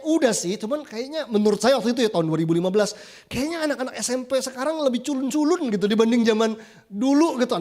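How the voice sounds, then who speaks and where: Male preacher, high voice, casual anecdotal delivery that slips into voices for quoted people. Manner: lively, chatty, acts out quoted voices. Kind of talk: casual storytelling sermon. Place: church.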